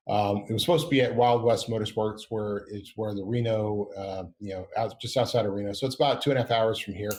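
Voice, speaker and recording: A man's voice: lowish voice, darkish tone. A middle-aged man hosting a casual podcast, rambling and upbeat, often correcting himself as he goes. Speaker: podcast host. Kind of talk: casual chat.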